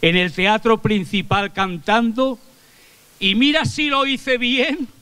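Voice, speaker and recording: A man's voice: very high-pitched, slow, sharp tone, clean tone, dry recording, pitched above the performer's own voice, full character voice. A man voicing a flamboyant male cabaret singer who brags about his own show. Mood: boastful.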